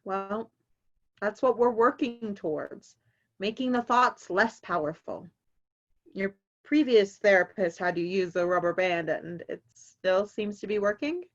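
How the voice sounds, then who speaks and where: A woman reading the part of a calm male therapist who speaks in a patient, reassuring way. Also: mid-range voice, unhurried. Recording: dull lo-fi audio.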